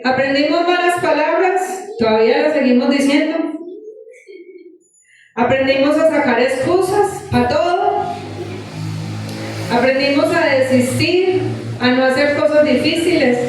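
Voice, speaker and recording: A high-voiced woman preaches an animated sermon and throws questions at the congregation. She is heard from some distance, with a strong echo from the church hall. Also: slight background noise. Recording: echoey church from far off.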